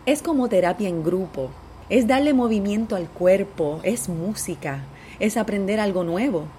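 A woman's voice: medium pitch, expressive, moderate pace, mellow, slight background noise. Upbeat Puerto Rican woman hosting a podcast. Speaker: podcast host. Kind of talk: personal podcast intro monologue.

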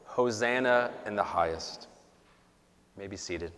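A pastor leading an Easter communion liturgy, speaking in a measured, earnest way, with a long cathedral-like echo around his voice. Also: fairly low pitch, a bit bright. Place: church sanctuary. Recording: long reverb in a large church hall.

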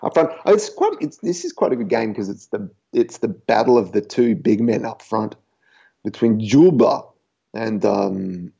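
Creaky, husky man chatting about sport. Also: lowish voice, animated, unhurried, mellow, muffled recording. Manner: rambling, hesitant, laughs often. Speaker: podcast co-host. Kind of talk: casual sports chat.

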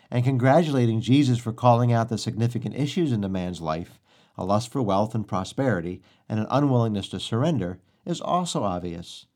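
A middle-aged man preaching a devotional sermon, earnest and measured, repeating key lines for emphasis. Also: mid-range voice, a little mellow.

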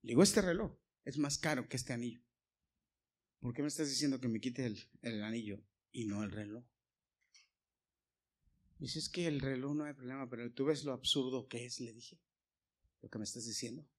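A man's voice: medium pitch, normal speed, long pauses. A man preaching a sermon, telling anecdotes with quoted dialogue and direct asides to the congregation.

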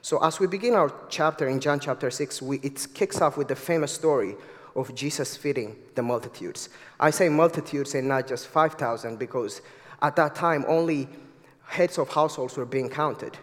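Here the twenty-something guest preacher from Ethiopia, accent intact, keeps a moderate pace and a mid-range voice. He sounds earnest and eager before the congregation, and the sanctuary has the feel of a large hall.

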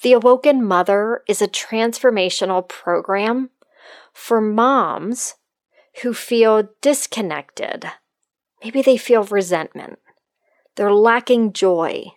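A woman's voice: medium pitch, slow, dry recording, clean studio sound. A middle-aged woman hosting a solo podcast, speaking to listeners in an open, friendly manner. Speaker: podcast host and life coach.

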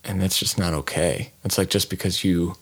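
A man's voice: sits low, steady tone, moderate pace, breathy edge. A man who is an artist, co-hosting a casual podcast and often restarting his phrases as he talks.

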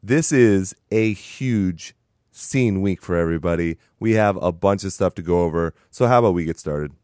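A man's voice: low-pitched, moderate pace, darkish tone. A young adult man hosting a podcast in casual chat, congested from sinus trouble, with a dry, self-mocking humor. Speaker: podcast host.

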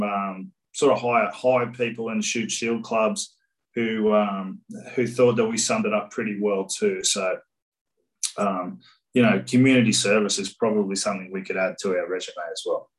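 A man's voice: lowish voice, rough recording. A man co-hosting a casual podcast, with a dry, matey sense of humour. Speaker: podcast co-host.

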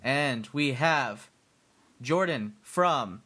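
A man's voice: mid-range voice, expressive, drawn-out words, pushed and bright. Rambling male podcast host. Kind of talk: casual chat.

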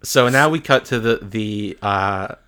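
A man co-hosting a casual movie podcast, recapping the plot with a dry, deadpan humor. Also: fairly low pitch, unhurried, smooth. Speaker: podcast co-host.

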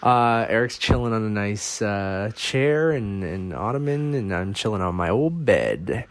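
A man around thirty with a Canadian accent and a fairly low voice chats as a podcast co-host in a laid-back, loose way. The sound is dry and close, picked up by a cheap handheld phone microphone. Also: lively intonation, a little slow, no room sound. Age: 30s. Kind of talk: casual podcast chat. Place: bedroom in a house. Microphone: handheld iPhone mic, close.

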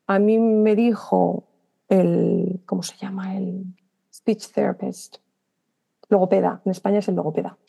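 A middle-aged woman from Spain with a Spanish accent, a writer and guest on a podcast interview, telling stories briskly and acting out remembered dialogue, often restarting her sentences. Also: medium pitch, creaky, mellow. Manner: talks in quick bursts with restarts and self-corrections.

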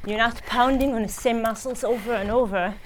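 Woman, running coach, encouraging, instructive, outdoor hilly trail, slightly high voice. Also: fairly even intonation, fairly quick, background noise. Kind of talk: coaching on the run.

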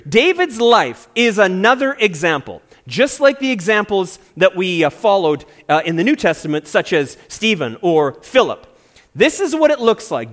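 A male pastor preaching an earnest sermon with emphatic stresses. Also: high voice.

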